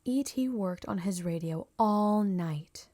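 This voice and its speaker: A woman with a mid-range voice reads a children's storybook aloud, narrating the scripted story in a measured, expressive way.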